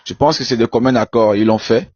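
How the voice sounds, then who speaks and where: A man from Benin speaking in an online debate, halting with many repeated words and fillers. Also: mid-range voice, a little mellow, breathy edge, dry recording. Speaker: debate participant. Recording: dull lo-fi audio.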